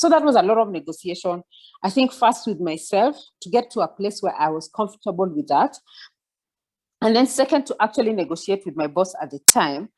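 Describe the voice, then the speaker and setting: Giving a mentoring talk over a video call, this guest speaker in her forties is reflective, stumbling into fillers and restarts and asking people to follow along. Her voice is mid-range with a darkish tone.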